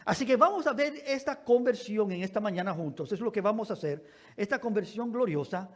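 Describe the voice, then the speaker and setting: A man's voice: high-pitched, animated, brisk. A man pastor preaching a sermon and reading scripture aloud, stretching out words for emphasis and correcting small slips as he reads.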